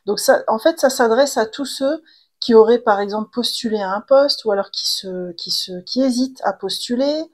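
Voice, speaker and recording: A woman's voice: fairly high pitch, moderate pace. A woman doing a tarot reading to camera in a chatty way, full of fillers and restarts. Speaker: tarot reader and coach.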